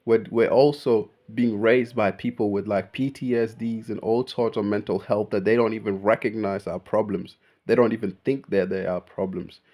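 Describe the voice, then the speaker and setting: A man's voice: on the low side, fairly even intonation, moderate pace, few pauses, darkish tone. A young man, born in Kenya, ranting in a casual unscripted monologue, emphatic and full of slang. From born in Kenya, raised in Australia. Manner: slangy, emphatic, keeps saying bro. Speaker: vlogger.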